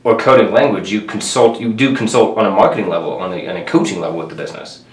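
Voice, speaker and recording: A man's voice: fairly low pitch, fast. A man interviewing a guest, asking questions in a casual, somewhat hesitant way. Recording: roomy, distant mic.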